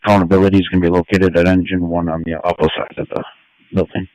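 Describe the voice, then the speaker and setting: Low-voiced man on urgent firefighter radio. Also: little pitch movement, fast, darkish tone, no echo, muffled recording. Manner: procedural, instructing. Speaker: firefighter incident commander on scene. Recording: two-way radio transmission.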